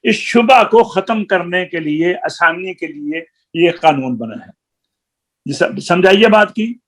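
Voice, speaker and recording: A man's voice: high-pitched, lively intonation, slow, fairly bright tone. A man teaching the rules of Quran recitation, patiently explaining them step by step and demonstrating chanted recitation. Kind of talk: religious recitation lesson.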